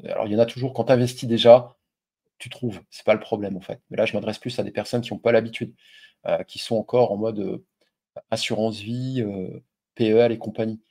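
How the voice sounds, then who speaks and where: This middle-aged man, a French native speaker, hosts an investing video with a familiar, casual explainer feel. His voice sits fairly low, warm and slightly rough, and he chats informally with plenty of fillers while speaking straight to the viewer.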